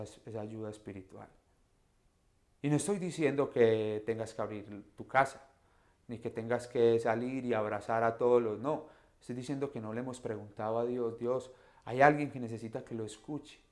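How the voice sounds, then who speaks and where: A man giving a devotional Bible talk, reflective and explanatory, swinging from hushed to loud emphatic peaks. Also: medium pitch. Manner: reflective, explains scripture in own words. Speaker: preacher and vocal teacher.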